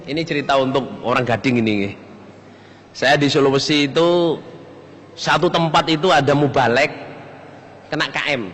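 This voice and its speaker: An older man with a Javanese accent preaching a lively, joking sermon to a congregation. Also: moderate pace, long pauses. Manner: lively, jokes and leaps between high and low pitch. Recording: long hall reverb.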